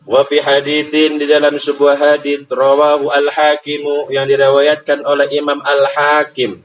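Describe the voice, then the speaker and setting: A man preaching a sermon in a lively, joking way, slowing down to recite Arabic. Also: a little high, poor audio. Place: mosque or prayer hall.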